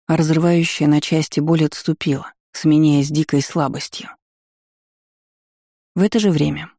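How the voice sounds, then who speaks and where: A man giving steady, scripted audiobook narration. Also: on the high side, gravelly, dry recording, studio quality.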